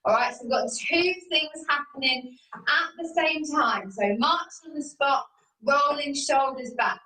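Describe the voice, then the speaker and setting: High, bright-voiced woman leading a video-call workout. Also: a little slow. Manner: encouraging, cueing each move step by step. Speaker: fitness instructor. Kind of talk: leading a live exercise class. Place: home. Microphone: video call from a laptop or phone camera. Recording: roomy video call audio from a distance.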